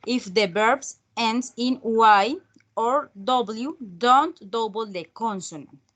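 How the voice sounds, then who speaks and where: A woman's voice: a little high, extremely slow, fairly bright tone. A woman teaching an online English grammar class in Spanish, patiently checking in with her students after each point. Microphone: video call.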